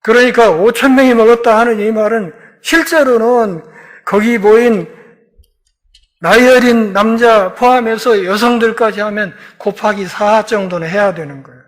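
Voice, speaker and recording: A pastor with a notably high voice leads a Bible lecture. He tells the story with energy and acts out the conversations, swinging from loud, pressing emphasis to quiet, low stretches. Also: normal speed. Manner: storytelling, acts out the dialogue of biblical characters.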